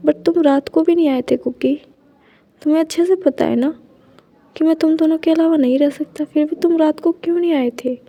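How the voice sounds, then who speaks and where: A tearful young husband full of jealous reproach, voiced by a woman in a high, soft reading voice. He pleads and accuses by turns, his tone mellow rather than sharp. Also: fairly even intonation, a little fast. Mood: hurt pleading.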